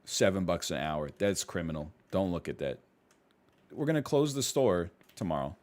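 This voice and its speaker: A man's voice: low voice, expressive, moderate pace, a little mellow. A man casually commenting on a management game he is playing, goofy and rambling, with playful exclamations. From Canada. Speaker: gaming streamer. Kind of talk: casual let's-play commentary.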